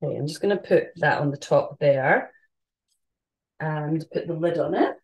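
This London woman in her thirties, a vegan cook and host from England, chats casually while cooking live in her home kitchen, rambling with plenty of fillers and restarts. Her voice sits low and moves at a normal speed. The camera rests on the counter a few feet away.

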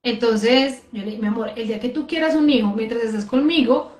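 A woman's voice: fairly high pitch, fairly quick, a little mellow, reverberant. A woman host talking casually about her relationships, telling personal anecdotes in a conversational way. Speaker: host, life coach. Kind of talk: casual chat.

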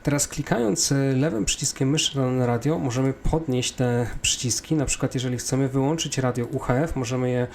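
A man with a Polish accent explains a flight simulator step by step, like an instructor in an unscripted software tutorial. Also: medium pitch, a little fast, creaky, few pauses, a little hiss or hum.

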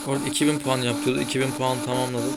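A man's voice: medium pitch, flat delivery, rapid-fire. A man giving casual gameplay commentary, chatting to viewers and grumbling as he plays. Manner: chatty, grumbling, talks to viewers while playing. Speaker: gaming YouTuber. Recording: loud car game sound behind voice. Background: racing game engine and tire noise.

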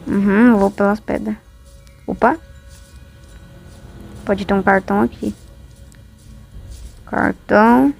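A woman's voice: mid-range voice, steady tone, takes it slowly, vocal fry, pauses often, breathy edge, soft background music. A woman with a Brazilian accent giving casual, exclamatory, complaining commentary as a gamer playing along.

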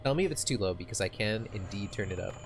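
Animated joking male game streamer. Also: fairly low pitch, fast talker, background noise. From Texas. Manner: joking, talks to chat, sings snatches. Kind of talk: live horror game stream chat.

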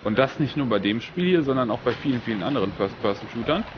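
A man's voice: medium pitch, expressive, fast talker, dull audio, noisy background. A man co-hosting a TV games show, chatting dryly and mock-offended while he plays a shooter. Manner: dry, mock-offended, chats while playing. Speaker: co-host playing a shooter live on a TV show. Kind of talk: casual on-air banter.

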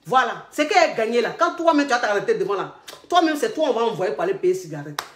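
A woman with an Ivorian French accent tells comic stories as a relationship coach. Her voice sits a little high and swings widely as she acts out each exchange, laughing and repeating herself. The sound carries a roomy echo. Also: very animated, fast, slight background noise. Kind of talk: animated comic storytelling. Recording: echoey room.

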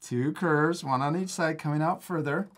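Seated at a table in an indoor studio, a drawing instructor and host in his thirties walks children through a drawing step by step in a casual, encouraging manner, chuckling often. His voice is on the high side and a bit bright, at a moderate pace.

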